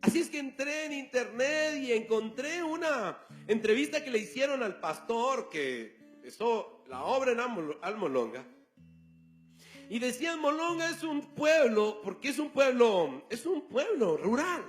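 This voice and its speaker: A man's voice: very high-pitched, very animated, unhurried, faint music behind. A male pastor preaching a sermon, telling a story and acting out the dialogue. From Colombia.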